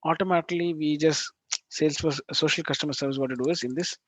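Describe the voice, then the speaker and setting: A man teaching a live online class over a video call, talking in halting bursts with restarts and frequent check-ins with his students. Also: on the high side, steady tone, dry recording. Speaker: instructor. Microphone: video call microphone. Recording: dull lo-fi call audio.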